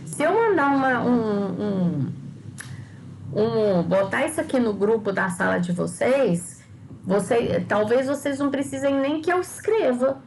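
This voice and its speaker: A woman's voice: mid-range voice, a little mellow, slight background noise, poor audio. An older woman teaching a class. She asks her students questions and often checks that they follow. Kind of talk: classroom lecture.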